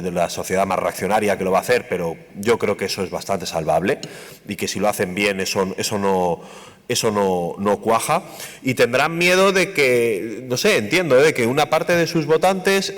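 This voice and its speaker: A man on a conference panel, talking in a rambling way with many restarts and tag questions. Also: medium pitch. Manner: rambling, restarts often, tags with "¿no?". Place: conference hall. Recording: long hall reverb.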